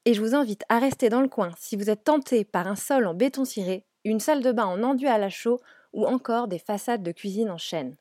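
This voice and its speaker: On a home renovation podcast, a woman with a fairly high voice opens with a cheerful scripted intro, bright and upbeat. Once she's chatting with her guest, she turns hesitant and uses lots of fillers. The studio-quality recording has no echo.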